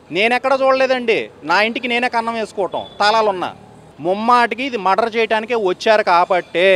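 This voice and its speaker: A man's voice: sits high, fairly bright tone, slight background noise. A young man with an Andhra Telugu accent, a theater owner making an agitated, pleading statement to the press, repeating his points.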